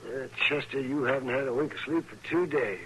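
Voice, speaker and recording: An actor playing a weary, considerate American frontier doctor with a dry, matter-of-fact manner, in old-time radio style. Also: male voice, mid-range voice, a little fast, lightly acted. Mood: dry, concerned. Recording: faintly noisy old radio recording.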